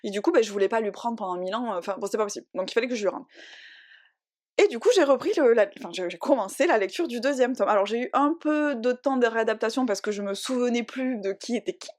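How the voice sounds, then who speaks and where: A young woman talks through her favourite books in a loose, rambling way, stopping and restarting her sentences. Her voice sits slightly high. She keeps a casual video-chat tone throughout. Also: fast. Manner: rambling, animated, many fillers and self-corrections, laughs often. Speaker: book vlogger. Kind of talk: casual chatty book review.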